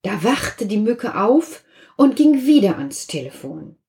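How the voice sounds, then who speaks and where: A woman reading a children's story aloud, expressive and playful, with sound effects. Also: mid-range voice, a little slow.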